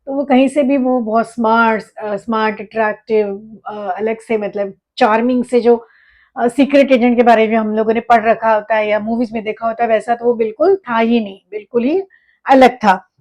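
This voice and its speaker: A woman teacher, reading a story aloud slowly and then explaining it quickly in a relaxed, talky way. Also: a little high, poor audio. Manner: reads English lines slowly, then explains quickly in Hindi. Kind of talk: explaining a textbook story line by line.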